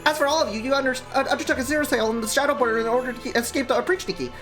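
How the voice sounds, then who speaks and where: A man reading game text aloud while mimicking a fast-forwarded tape, high, squeaky and rushed. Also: a bit bright, soft background music. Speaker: game streamer.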